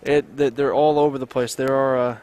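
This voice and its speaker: Halting man giving game analysis. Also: mid-range voice, fairly even intonation, darkish tone, smooth. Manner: hesitant, halting with restarts. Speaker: color commentator. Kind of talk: casual sports commentary. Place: school gym.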